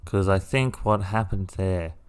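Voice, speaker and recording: A man co-hosting a podcast, musing in a halting casual chat with many restarts. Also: sits low, clear, resonant tone. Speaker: podcast co-host.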